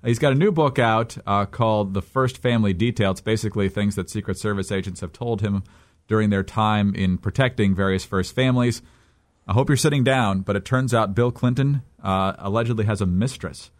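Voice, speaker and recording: A man hosting a radio news show, delivering items in a dry, deadpan way. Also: lowish voice, brisk. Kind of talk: casual news discussion.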